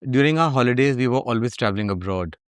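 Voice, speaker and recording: A man's voice: mid-range voice, lively intonation, quick pace, smooth, no echo. A man with an educated upper-class Indian accent, answering interview questions in a reflective, conversational way. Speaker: interview guest.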